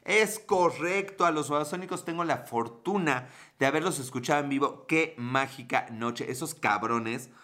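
Bright-voiced Mexican man chatting on a livestream. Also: on the high side, normal speed, hardly any pauses. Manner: loose and profane, joking with viewers. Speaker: livestream host. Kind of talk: casual livestream chat reading viewer comments.

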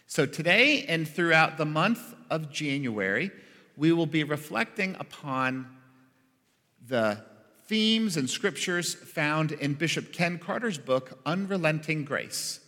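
Lively pastor preaching in a reverberant church. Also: male voice, fairly high pitch, takes it slowly. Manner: lively storytelling with character voices. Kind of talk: sermon. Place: church sanctuary.

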